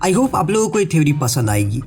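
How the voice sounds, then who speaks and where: Over soft background music, a man with a darkish, a little high voice delivers a sing-song, slightly fast anime-theory explainer despite a sore throat and congested nose. His separately recorded voice-over is chatty, aimed right at his viewers, and peppered with English words.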